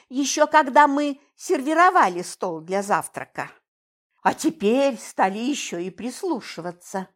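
Lively high-voiced woman narrator. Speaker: audiobook narrator. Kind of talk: first-person audiobook narration.

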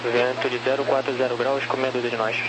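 A man's voice: medium pitch, flat delivery, fast talker. A man with a Brazilian accent working as an air traffic controller, giving instructions over the radio. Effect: radio transmission.

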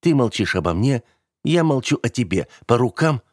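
A man reading an audiobook, voicing an earnest, calm young rich man who coaxes gently and sincerely. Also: mid-range voice, moderate pace, no echo, studio quality, pitched above the performer's own voice.

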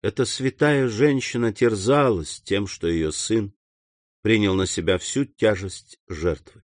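A man narrating a classic novel in a measured, even reading. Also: fairly low pitch, no room sound, studio quality. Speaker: audiobook narrator.

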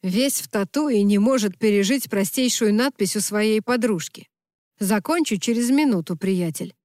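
A woman's voice: mid-range voice, expressive, normal speed, darkish tone, no echo, close to an everyday voice. A woman voicing a male tattoo artist with a dry, teasing manner.

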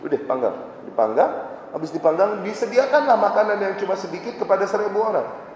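A man a fairly high voice preaches in a large mosque, acting out each character's lines lively storytelling. His voice rings through a roomy hall a long echo and a faint hum of noise behind it. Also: brisk. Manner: animated storytelling, acts out quoted voices, mixes in Arabic phrases. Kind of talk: mosque lecture.

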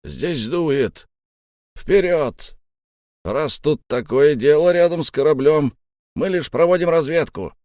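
A man reading an audiobook and voicing a curt male ship officer who gives orders, in a raised, louder voice. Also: on the high side, lively intonation, slow pace, dry recording, clean studio sound, pitched above the performer's own voice. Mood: commanding.

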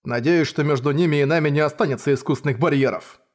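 A man voicing a calm, resolute man who speaks plainly and directly. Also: on the high side, fast talker, lightly acted.

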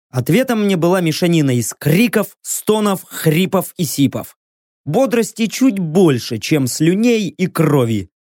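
A man's voice: high-pitched, darkish tone, no room sound, clean studio sound. A man narrating a fantasy novel audiobook with an intense, rousing delivery. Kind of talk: dramatic audiobook reading.

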